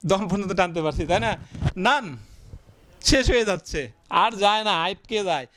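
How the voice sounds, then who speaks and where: A male teacher giving a blackboard grammar lesson, asking the class questions, answering them himself and drawing syllables out slowly as he writes. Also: sits high, animated, fairly bright tone, a little hiss or hum. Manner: stretches out syllables slowly while writing.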